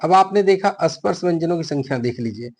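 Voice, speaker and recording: A man's voice: on the high side, animated, fast talker, a little mellow. A man teaching a grammar lesson for an exam, explaining step by step and answering his own questions.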